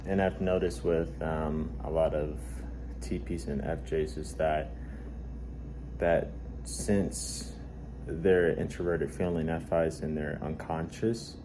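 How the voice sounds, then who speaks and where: A man with a congested nose talking casually and haltingly to his audience, recorded in a warehouse. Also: rumbling low, fairly even intonation. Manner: halting, hesitant delivery with repeated words and pauses. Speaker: vlogger. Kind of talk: casual rambling talk. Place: warehouse at work. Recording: noisy warehouse ambience.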